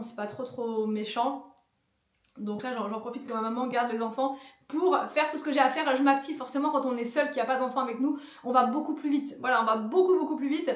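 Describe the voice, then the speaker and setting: A young woman vlogging in a casual, chatty way, laughing as she complains. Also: high-pitched. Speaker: family vlogger. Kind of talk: casual vlog chat.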